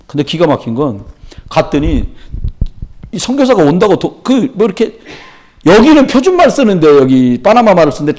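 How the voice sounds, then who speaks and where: Animated Korean pastor preaching a sermon. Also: male voice, a little high. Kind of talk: sermon at a prayer meeting. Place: church sanctuary.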